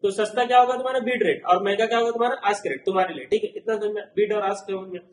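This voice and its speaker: Indian-accented male lecturer, high voice, keeps asking the class questions, roomy echo. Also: rapid-fire, slight background noise. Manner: explains with everyday examples, asks the class repeated check questions. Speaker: teacher.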